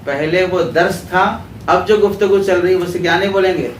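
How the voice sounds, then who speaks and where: A crowd can be heard behind a high-voiced man with a steady tone who teaches at a religious school in a Pakistani Urdu accent. He explains terms, poses questions, and repeats the students' answers. The sound is roomy and echoing, with a distant mic and clear background noise.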